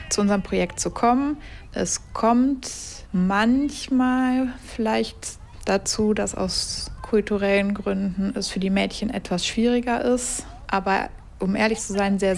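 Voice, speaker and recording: A woman's voice: medium pitch, steady tone, unhurried, vocal fry, a little mellow, a little hiss or hum. A woman rugby coach answering interview questions in an earnest, explanatory way.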